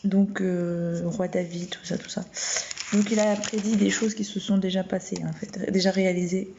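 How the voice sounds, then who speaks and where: Soft, warm-voiced woman on a muffled live stream. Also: mid-range voice, flat delivery, normal speed, slight background noise. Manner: hesitant, with many fillers and restarts. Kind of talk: casual live-stream chat and Bible reading. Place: at home, late at night.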